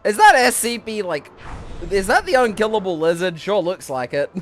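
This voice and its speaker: A young male streamer gives casual live commentary on his gameplay, rambling, swearing and a bit out of breath. His voice sits high and is very animated, at a moderate pace, with faint music behind it.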